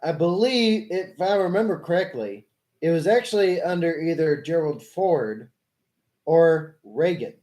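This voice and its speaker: A man's voice: on the high side, lively intonation, unhurried, darkish tone. A man hosting a live stream, debating politics with a caller in an explanatory way, correcting and rephrasing as he goes. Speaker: livestream host.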